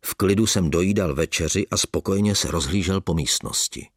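A man narrating an audiobook with expressive storytelling. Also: sits low, breathy edge, dry recording, clean studio sound. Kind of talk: audiobook reading.

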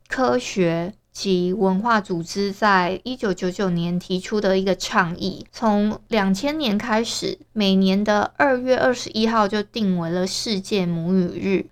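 Clear-voiced Taiwanese woman hosting a podcast. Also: mid-range voice. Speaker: podcast host. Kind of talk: casual solo podcast talk.

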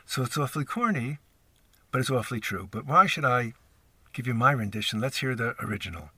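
A man's voice: mid-range voice, expressive, fairly quick, bright, forceful tone, breathy edge, dry recording, recorded from a distance. A man giving a storytelling talk as a rabbi speaker, dramatic and playful with big words.

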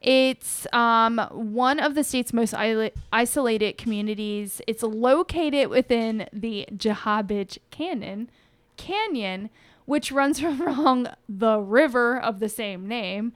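Speaking slowly in a fairly high, smooth voice, this podcast co-host rambles through a casual story, frequently correcting herself along the way. The recording has no echo.

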